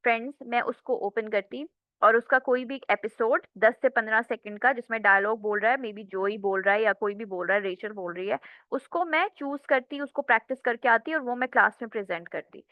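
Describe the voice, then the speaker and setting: A woman's voice: a little high, a little fast, dry recording. Woman teacher lecturing in dull lo-fi sound. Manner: explains step by step, often checks in with the class. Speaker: English teacher. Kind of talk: classroom lecture mixing Hindi and English.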